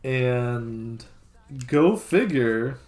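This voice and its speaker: A man's voice: medium pitch, animated, very slow, noisy background. Rambling man chatting at home. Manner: rambling, filler-heavy. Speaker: co-host. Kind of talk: casual chat.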